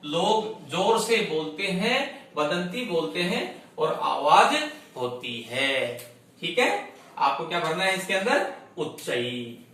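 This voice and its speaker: Male teacher, bright voice, slow and deliberate, quizzing himself as he explains; very echoey room, off-mic. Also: a little high, expressive. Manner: explains step by step, asks and answers his own questions. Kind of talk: online class lesson. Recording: echoey room, distant mic, faint noise.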